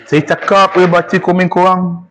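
A man's voice: high-pitched, little pitch movement, moderate pace, a bit bright, slight background noise. A young man with a Malaysian Malay accent, chatting casually on a live stream, teasing viewers and reading their comments aloud.

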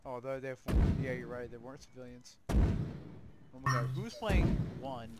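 A man's voice: medium pitch, measured pace. A young man recording his gaming session with friends, laid-back, swearing and giggling. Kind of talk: casual gaming chat. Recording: music playing behind.

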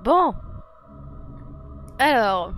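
A woman's voice: on the high side, big pitch swings, drawn-out words, faint music behind. Giggly young woman streaming a game. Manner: giggly, self-mocking, talks to chat. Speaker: gaming streamer. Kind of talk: let's play commentary. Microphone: desk mic with headphones.

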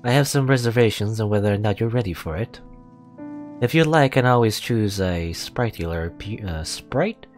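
A man voicing a composed, wise woman storyteller from a visual novel, speaking to children in measured, formal phrases. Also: on the low side, animated, natural voice. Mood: measured, gentle. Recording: music behind the voice.

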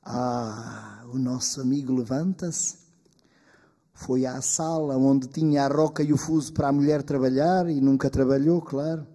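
A man telling a folk tale live on stage, lively and animated, in a long-reverb hall. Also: mid-range voice, unhurried. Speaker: storyteller.

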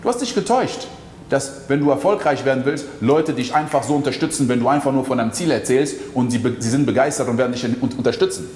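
A man's voice: mid-range voice, lively intonation, quick pace, a little mellow, a little hiss or hum. A man giving a motivational coaching monologue, talking straight to the listener with emphatic rhetorical questions. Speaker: mindset coach. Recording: echoey hall with faint ambience.

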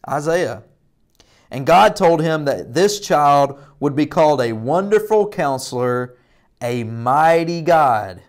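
A man's voice: on the high side, animated, slow. A man in his thirties giving a children's Bible lesson in a broad, singsong presenter style with emphatic repetition and call and response. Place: indoor children's church classroom. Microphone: lapel mic.

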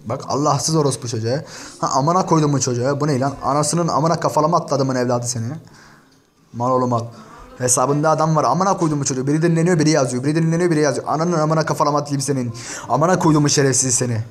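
Speaking fast in a fairly high voice, a man delivers profane screen-share commentary straight to his viewers. He rants and curses without pause about an online insult battle.

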